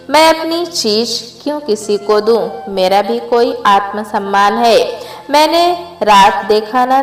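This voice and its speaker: A woman's voice: a little high, echoey room, low-quality recording. A woman voicing a married daughter who complains of mistreatment by her in-laws, in a read-aloud family story. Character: tearful married daughter, hurt and defiant.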